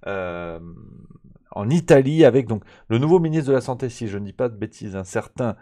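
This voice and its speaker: A man's voice: mid-range voice, expressive, normal speed, dark tone. A man hosting a live press review on a stream, rambling and sarcastic, full of hesitations, talking straight to his chat. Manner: talks straight to the chat audience. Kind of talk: casual livestream press review.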